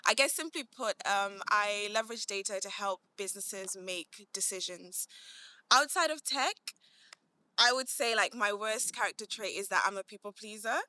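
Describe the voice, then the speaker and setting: Born in Malawi and raised in Manchester, England, this young adult woman is a commercial analyst answering questions as a podcast guest in a casual conversational interview. She is chatty and informal, dropping "like" into her sentences often. Her mid-range voice is bright and forceful at a moderate pace, on a dry recording with poor audio.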